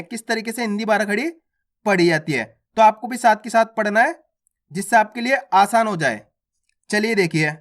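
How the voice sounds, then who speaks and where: A man teaching beginners to read, explaining patiently and often checking that it is clear, then chanting each syllable twice in a drawn-out voice. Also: high voice, a bit bright. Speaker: Hindi teacher. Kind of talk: beginner reading lesson.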